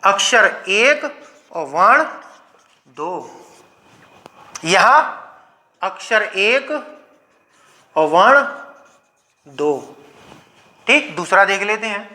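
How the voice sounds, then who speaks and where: A man teaching Hindi grammar in a lecture, asking questions and answering them himself, repeating example words slowly. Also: high-pitched, expressive, bright, forceful tone. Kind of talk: classroom lecture.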